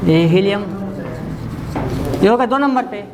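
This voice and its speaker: A man's voice: sits high, lively intonation, measured pace, background noise. A man teaching a memory class, reciting long lists by rote and then quizzing his students in a casual, chatty way.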